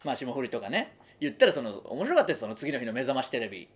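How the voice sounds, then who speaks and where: A man in his thirties hosting a radio show, telling stories in lively casual chat. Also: mid-range voice, rapid-fire. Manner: lively storytelling, mimics a Kansai voice in quotes.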